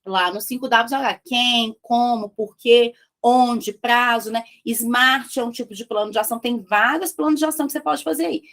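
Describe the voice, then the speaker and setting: A woman's voice: a little high, moderate pace, few pauses. A woman, teaching a business lesson as a mentor and speaking straight to her audience. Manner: lively, talks to the audience directly, acts out dialogues.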